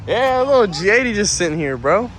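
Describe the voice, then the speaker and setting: Hyped young guy filming at a muffler shop, kinda high voice, loud cars revving behind him. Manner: excitable, slangy, quick to shout. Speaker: car vlogger. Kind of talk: casual vlog narration. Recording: outdoor video with loud engine noise. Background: loud car engines and exhausts.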